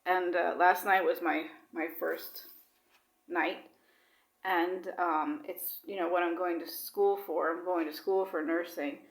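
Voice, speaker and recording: A woman vlogs in casual, rambling personal chat full of fillers, occasionally slipping Swedish words into her English. Her lowish voice is steady and slow, and the recording is reverberant.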